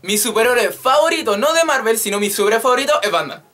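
A man's voice: very high voice, expressive, quick pace, sharp tone. A man in his twenties with a Chilean Spanish accent, chatting animatedly on his vlog in a small room, swearing freely and joking as he rants. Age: 20s. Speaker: YouTube channel host. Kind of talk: casual vlog chat. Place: small room with a drum kit. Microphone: webcam at desk.

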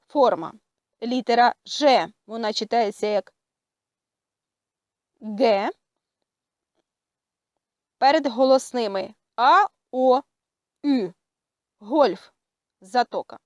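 A woman with a Ukrainian accent teaching a language lesson, speaking carefully and pausing often with hesitant fillers. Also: a little high, animated, dry recording, lo-fi sound. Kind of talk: slow spoken lesson.

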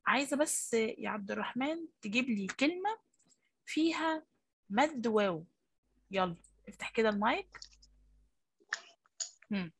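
A woman with an Egyptian Arabic accent, a primary school teacher coaxing and praising young pupils in an online class, her voice a little husky. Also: a little high, animated, moderate pace, pauses often, a bit bright.

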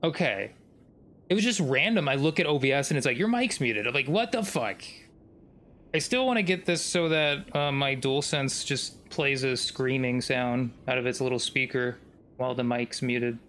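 Excitable male streamer, lively voice. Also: medium pitch, normal speed, a little hiss or hum. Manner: excitable, swears often, sudden screams. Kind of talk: casual gameplay commentary. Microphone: desk microphone.

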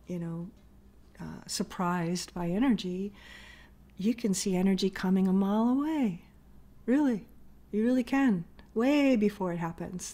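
A middle-aged woman with a slightly low voice gives an informal meditation lesson. She is earnest, pausing and rewording her thoughts as she goes. She sits indoors at home, speaking toward a webcam. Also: darkish tone. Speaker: meditation teacher. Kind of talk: informal spiritual teaching talk. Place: home living room, indoors.

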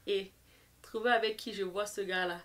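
A woman's voice: mid-range voice, steady tone, moderate pace, a bit bright. Chatty young woman telling a story. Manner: chatty, mixes English phrases into French; leans on fillers like "genre" and "et tout et tout". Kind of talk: casual storytime.

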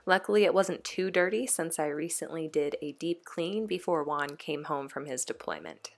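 A woman in her thirties narrating a cleaning vlog in a relaxed, matter-of-fact voice-over. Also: low voice, normal speed, a little hiss or hum. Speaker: cleaning vlogger.

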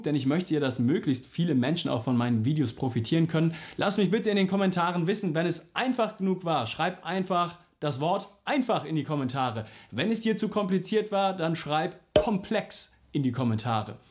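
A man's voice: fairly high pitch, lively intonation, normal speed, few pauses, a little mellow. A man teaching a singing lesson, explaining simply and patiently, and sometimes singing vowel slides to show an exercise. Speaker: vocal coach.

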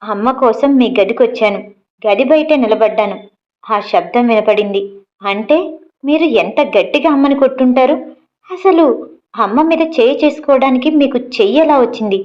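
A woman voicing a grown daughter who fiercely defies her father in a storybook reading, shouting her accusations. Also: on the high side, normal speed, highs cut off, lightly acted. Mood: furious.

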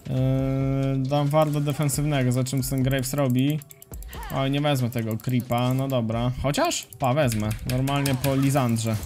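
Laid-back male game streamer, chatting. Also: mid-range voice. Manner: relaxed, chatty, slangy, greets viewers by name. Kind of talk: casual live commentary while playing and reading chat. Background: faint music and keyboard typing.

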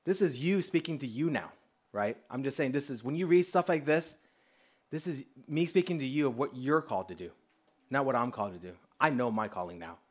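A man preaching a sermon, telling testimony stories in a lively, conversational way and speaking straight to the congregation. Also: medium pitch, fairly quick. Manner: lively storyteller, acting out dialogue; conversational, addresses the congregation directly.

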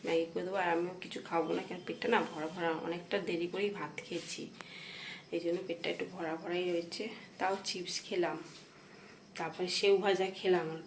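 A woman's voice: fairly low pitch, level tone, moderate pace. Brief: thirties woman home vlogger, chatty, phone-filmed, clattering pots behind. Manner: chatty, talks straight to viewers while cooking. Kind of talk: casual vlog narration to viewers. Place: home kitchen indoors. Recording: clattering kitchen noise behind. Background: dishes, pots and cutlery clatter.

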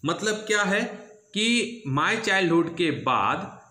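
A man leads a syllabus lesson in a slightly high, bright voice. He speaks steadily and repeats himself, checking in with students again and again. The room echoes noticeably. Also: extremely slow. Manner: steady, repetitive teaching with frequent "theek hai" check-ins. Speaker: English teacher.

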